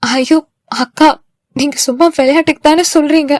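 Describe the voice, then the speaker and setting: A woman's voice: sits high, moderate pace, a little hiss or hum, lightly acted. A woman voicing a young woman with a childlike, pleading way of talking. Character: young woman, playful then anxious.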